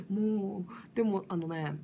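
Lively woman chatting on a late livestream. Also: medium pitch, slight background noise. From Fukushima. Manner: lively, rough casual speech with frequent laughs. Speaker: singer livestreaming. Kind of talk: casual late-night livestream chat.

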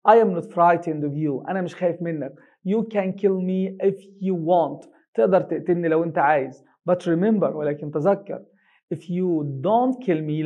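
Man, Egyptian accent, English teacher, high voice, slow English reading, quick Arabic translation. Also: narrow, tinny audio. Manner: reads English slowly and carefully, then translates briskly in colloquial Arabic. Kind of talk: reading an English reader aloud line by line and translating it.

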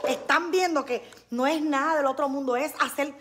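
Chatty high-voiced woman. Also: moderate pace, a little hiss or hum. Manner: chatty, lively, addresses viewers as nena. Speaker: live-stream host. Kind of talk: casual live-stream chat with viewers.

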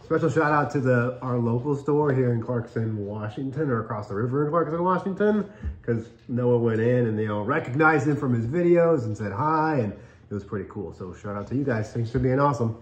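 A man's voice: medium pitch, animated, brisk. A middle-aged American man, a dad co-hosting a casual cookie review, chatting upbeat while he eats. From United States. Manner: chatty, upbeat, chewing and tasting between lines. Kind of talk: casual chat. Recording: echoey room, dull lo-fi sound.

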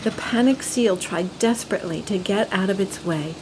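A woman narrating a nature documentary in a calm, measured and gentle way. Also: mid-range voice, background noise.

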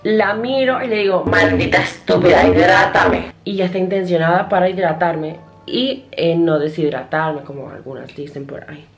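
A young woman in her twenties films an ironic, self-mocking parody vlog, holding the camera at arm's length as she moves through the kitchen and bedroom of her small apartment. Her voice sits on the low side and is creaky, at normal speed with few pauses. The sound is roomy, with faint music in the background.

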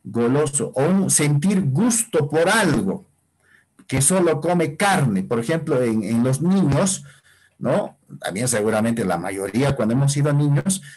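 A man teaches Quechua in an online class. He speaks slowly, with a husky voice. He keeps asking his students if they follow. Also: medium pitch, lively intonation, darkish tone. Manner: explanatory, asks frequent tag questions.

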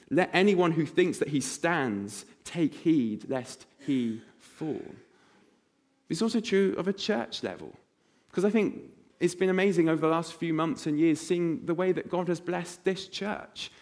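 A man preaching a sermon in church, telling vivid stories and acting out voices in a hushed tone. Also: sits high.

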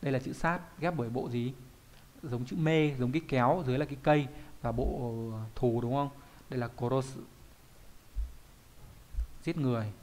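A man's voice: mid-range voice, normal speed, pauses often, darkish tone. A man, a Japanese teacher explaining kanji in an online lesson, often asking questions and answering them himself.

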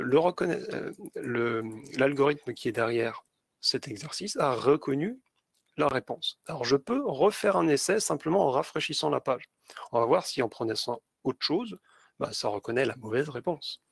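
A man giving a step-by-step software tutorial to teachers, with many small hesitations and fillers. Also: medium pitch, gravelly, slightly rough, dry recording. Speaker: teacher trainer. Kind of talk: screen-share tutorial.

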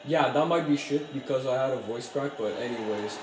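A man joking and chatting excitedly while he plays a football video game. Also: medium pitch, a little fast, slight background noise. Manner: jokey, excitable, rambling asides. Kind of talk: casual gameplay commentary. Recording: echoey room.

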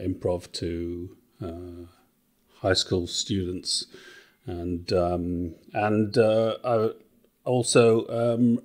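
A middle-aged Welsh man talking as a podcast guest. His voice sits fairly low, and he speaks hesitantly, pausing on fillers and restarting his sentences as he works out what to say. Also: darkish tone. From Wales. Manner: hesitant, thinks aloud with many fillers and restarts. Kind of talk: casual interview chat.

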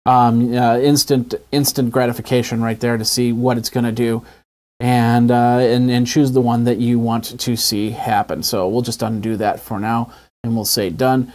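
In a small indoor home studio, a man on a lapel mic hosts an app review web show, explaining a tutorial step by step in an informal, conversational style. His voice is medium-pitched and darkish, with a level tone and a moderate pace.

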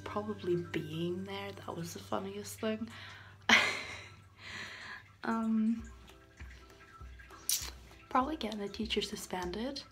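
Her mid-range voice is bright and forceful yet slow, with frequent pauses, and faint music plays behind her. She's a young adult vlogger from Northern Ireland, casually chatting to a phone camera at arm's length in a small tiled bathroom, giggling and whispering asides.

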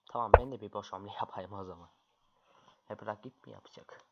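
Speaking a little fast in a lowish voice, a man streams his online chess games and commentates them himself. He grumbles and mutters, frustrated with his opponent, over lo-fi audio and loud background noise.

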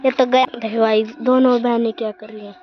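A woman's voice: on the high side, level tone, fairly quick, dull audio. A woman vlogging casually outdoors with her phone, chatty and always telling viewers to look. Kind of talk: casual walking vlog. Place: outdoors in a village around home. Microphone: phone held while walking.

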